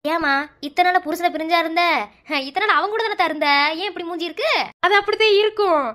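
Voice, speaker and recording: A woman's voice: extremely high pitch, fast, fairly bright tone. A woman voicing a bossy, teasing woman official in a cartoon, speaking with a Madurai Tamil accent in a brash, scolding way. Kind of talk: cartoon voice acting.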